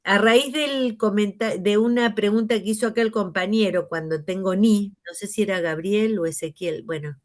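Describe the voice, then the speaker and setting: A teacher with a Rioplatense Spanish accent lectures her class, using pauses and stress to make her explanations land. Her voice sits in the mid range.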